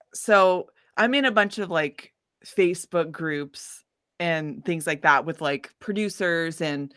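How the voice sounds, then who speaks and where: A woman singer-songwriter, appearing as a guest, chats casually in an interview, acting out quotes in an animated, informal way. Her low voice has a clear, resonant tone.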